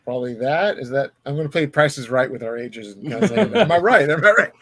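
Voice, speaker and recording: A man's voice: on the high side, expressive, fairly quick, a bit bright. A man in his thirties, hosting a live podcast panel, chatty and joking as he reads out questions. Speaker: podcast host reading audience questions. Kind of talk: casual panel chat.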